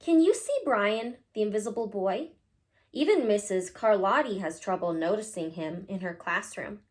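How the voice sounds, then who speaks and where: A woman reading a picture book aloud to children, expressive and cutesy, talking directly to her young listeners. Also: medium pitch, normal speed. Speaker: read-aloud host, storyteller for children.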